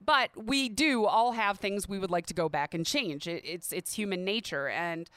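A woman's voice: mid-range voice, moderate pace, a bit bright, dry recording. Chatty upbeat woman podcast host. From Midwestern United States. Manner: chatty and upbeat, with light laughs. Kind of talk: casual solo podcast talk. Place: at home in a quiet neighborhood.

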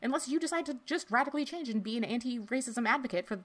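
A woman's voice: on the high side, lively intonation, fast. A woman co-hosting a podcast in casual chat, rambling with lots of filler words. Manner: chatty, lots of likes and you-knows. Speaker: podcast co-host.

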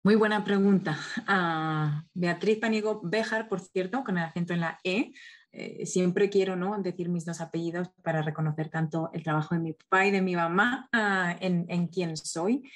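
Spanish woman guest, Valencia accent, low pitch, hesitant and reflective, video-call sound. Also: moderate pace. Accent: Spanish from Spain. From Spain, Valencia. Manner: thoughtful, many fillers and self-restarts. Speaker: guest, communications specialist. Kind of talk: interview over video call.

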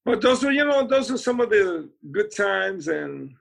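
Here a man's high, gravelly, slightly bright voice rises and falls in a sing-song way at a measured pace. He's a musician telling old band stories in an interview, drifting along with constant "you know" fillers and false starts.

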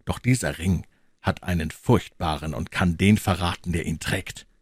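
Gruff old captain, voiced by a man: deep, subdued, grave warnings, dry read. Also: moderate pace, no echo. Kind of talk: audiobook character voice.

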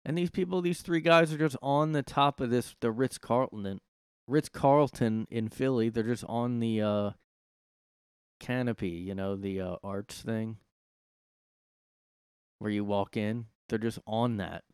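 A man hosting a solo podcast from his room, talking in a rambling, profane way with sudden loud outbursts. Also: medium pitch, unhurried, clean tone, no echo, studio quality. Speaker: podcast host. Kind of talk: casual solo monologue.

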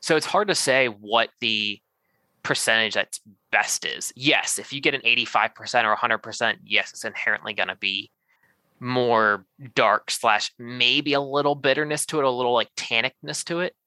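A man with a very bright, sharp-edged voice gives a casual explanation as an interview guest. His phrasing is informal and loosely qualified, and the sound is close and dry. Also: medium pitch, normal speed, dry recording. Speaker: podcast guest, chocolate shop owner.

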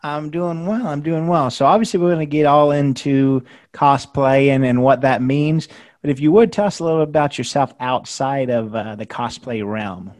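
Man, podcast host, casual interview, halting, repeats words. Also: mid-range voice, darkish tone. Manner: halting, restarts words often.

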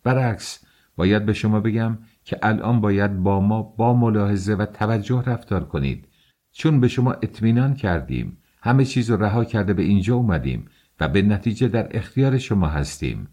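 A man's voice: fairly low pitch, expressive, warm tone. A man voicing an agitated middle-aged mother who argues sharply to protect her daughter, in an audiobook reading. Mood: indignant.

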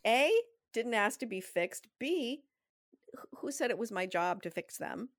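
A woman's voice: on the high side, expressive, unhurried, no room sound, studio quality. A middle-aged woman co-hosting a podcast, speaking candidly and with a self-deprecating humor in a casual chat. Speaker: podcast co-host.

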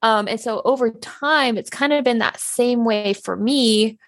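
A woman's voice: fairly high pitch, a little slow, a bit bright, no echo. Young woman podcasting, rambly casual chat, dry close sound. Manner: chatty, frequent "like" and "quote unquote". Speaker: podcast co-host.

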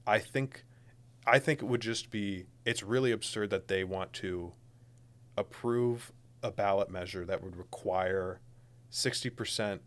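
A man's voice: fairly low pitch, a little slow. A young man, co-hosting a podcast in casual political chat, emphatic and sarcastic. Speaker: podcast co-host.

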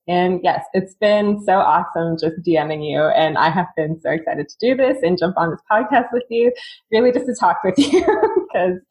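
A Singaporean woman in her thirties, a fitness coach, tells her story as a podcast guest, chatty and candid, often laughing mid-sentence. Her voice is medium-pitched and darkish, and the recording quality is low. It's casual conversational storytelling.

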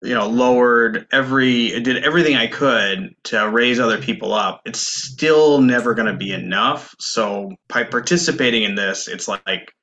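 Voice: mid-range voice, moderate pace, hardly any pauses, fairly bright tone, dull audio. A podcast co-host in casual discussion, reflective and dryly sarcastic, with many fillers.

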